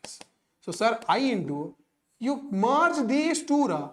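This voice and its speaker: A man's voice: very high-pitched, very animated, moderate pace, slight background noise. A man with a Telugu accent teaching a physics lesson, emphatic, repeating key phrases and asking rhetorical questions as he goes. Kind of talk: exam-prep physics lesson, mixing English with Telugu.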